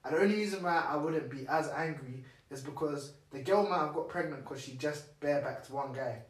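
A young man with a London roadman accent, chatting casually in blunt, animated, slang-heavy street banter. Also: a little high, fairly quick. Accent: London roadman, urban slang. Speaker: podcast co-host. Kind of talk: casual chat. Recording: echoey room, distant mic, noisy.

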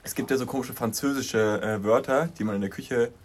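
A young man co-hosts a relaxed podcast with a friend. He tells animated little stories and keeps breaking into laughter. His voice sits at an ordinary middle pitch. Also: brisk. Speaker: podcast co-host. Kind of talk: casual chat.

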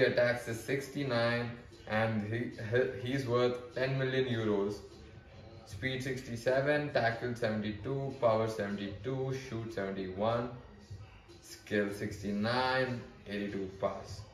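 A young man with an Indian accent talks casually and swears freely while reading out card stats. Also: mid-range voice. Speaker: vlogger. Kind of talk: casual card-opening commentary. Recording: echoey room.

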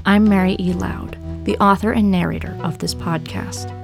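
A woman, the author and narrator of a fiction podcast, reading her own story in a measured way that slows for dramatic lines. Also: on the low side, steady tone, vocal fry, music in the background.

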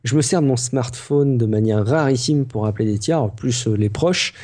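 A man chats casually as a podcast co-host, his voice warm and mellow. He talks in a halting way, with frequent fillers and restarts. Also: medium pitch. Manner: hesitant, many fillers and restarts. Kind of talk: casual chat.

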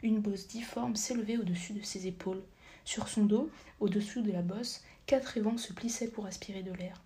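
Woman narrating in a soft half-whisper. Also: medium pitch, steady tone, moderate pace. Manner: soft, half-whispered, occasional slips and corrections. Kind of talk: whispered audiobook reading.

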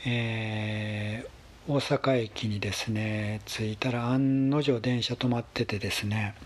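A man with a husky voice, telling a story in a casual, polite monologue with gentle pauses. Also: fairly low pitch, steady tone, slight background noise. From Kansai, Japan. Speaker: solo talk show host.

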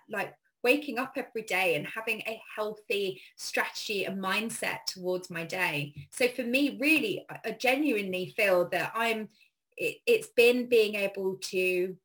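A woman's voice: mid-range voice, a bit bright. A woman being interviewed, talking earnestly and reflectively, with frequent "you know" and "like.". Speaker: interview guest. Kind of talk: casual reflective conversation.

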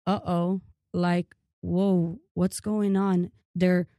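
A woman's voice: on the low side, flat delivery, very slow, dark tone, no room sound, studio quality. A woman in her thirties, born in Ukraine, telling her family's story as a podcast guest in an earnest way with many fillers and restarts. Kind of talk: casual interview.

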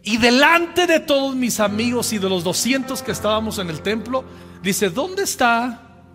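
A Mexican man in his fifties, a pastor telling a personal story in a sermon, lively and humorous, speaking directly to his congregation. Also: extremely high pitch, moderate pace. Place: church. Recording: echoey church hall with soft music behind.

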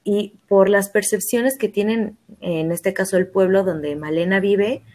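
A woman's voice: mid-range voice, unhurried, darkish tone. Slangy Mexican woman podcast host. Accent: Mexican Spanish. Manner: casual and slangy, recommends films. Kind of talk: casual chat.

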